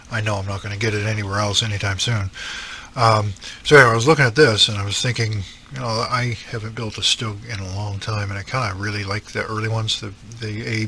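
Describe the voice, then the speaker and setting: This scale modelling channel host, a middle-aged East Coast Canadian, has a lowish, sharp-toned voice with slight noise behind it. In a casual chat he rambles about his hobby, filling it with ums and jokes at his own expense.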